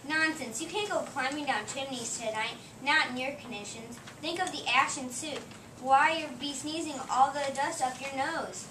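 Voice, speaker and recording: A woman's voice: sits high, moderate pace, lightly acted. A woman playing a fussing, bossy Mrs. Claus who scolds her husband in an amateur play reading. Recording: echoey room, distant mic, noise.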